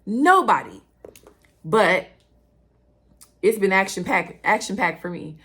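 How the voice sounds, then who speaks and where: A woman hosting her own podcast, talking fast and excitedly in a casual, direct way to her listeners and speaking of God. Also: mid-range voice, breathy edge. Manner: chatty, addresses listeners directly. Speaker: podcast host. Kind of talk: casual solo podcast talk.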